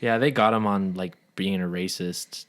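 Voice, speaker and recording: A young man co-hosting a podcast in casual chat, wry and fond of dark jokes. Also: low voice, moderate pace. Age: young adult. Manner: wry, joking, dark humor. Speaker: podcast co-host.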